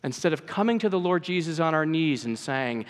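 A man's voice: fairly high pitch, animated, a little fast. Guy preaching a sermon, acts out the bible voices, big echoey church hall. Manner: earnest, acts out quoted voices. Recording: long hall reverb.

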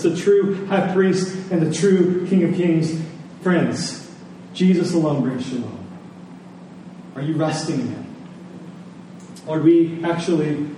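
This pastor's voice is fairly high and warm as he delivers a sermon closing in prayer to a congregation in a large, echoey space. Earnest and deliberate, he asks rhetorical questions and pauses on purpose. The distant mic picks up hall echo and faint noise.

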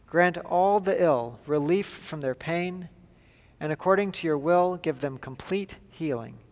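A man leading liturgical prayer as a pastor, in a solemn, measured and formal way, with a long cathedral-like echo. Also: a little high, darkish tone. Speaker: pastor leading a church service. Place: large reverberant church.

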